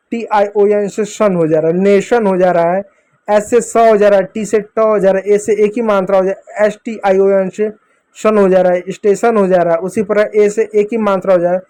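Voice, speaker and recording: A man's voice: high voice, a little mellow. A man teaching English pronunciation to beginners, drilling each word step by step and answering his own questions. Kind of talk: explaining a phonics lesson to beginners.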